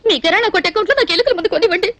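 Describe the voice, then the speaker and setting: A woman's voice: very high voice, rapid-fire, very noisy. An actress playing a simple, emotional young woman hoping to marry, in a pleading, tearful sing-song. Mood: hurt. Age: young adult. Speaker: film character. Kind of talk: dubbed film comedy acting.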